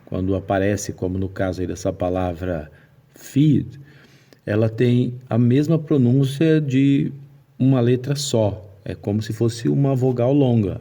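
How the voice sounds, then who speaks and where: Slow dark-voiced male teacher. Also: fairly low pitch. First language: Portuguese. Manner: slow, patient explanations with drawn-out example words. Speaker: English teacher. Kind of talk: video lesson explaining pronunciation.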